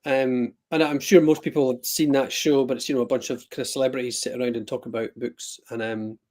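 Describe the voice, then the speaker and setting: His mid-range, darkish voice is brisk and shows little pitch movement. A Scottish guest author on a casual live-stream video call, he rambles self-deprecatingly, with frequent ums and restarts.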